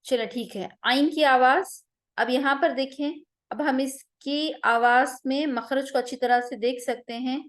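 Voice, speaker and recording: A woman leads an online class on Quran recitation. Her voice is high and she talks at an unhurried pace. She patiently drills each sound with repeated vowel examples. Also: fairly even intonation, a bit bright.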